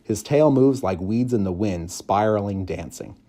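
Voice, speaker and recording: A man who works at a school reads a children's story aloud like an audiobook narrator. His voice is on the low side, and his narration is expressive, measured, and clearly phrased.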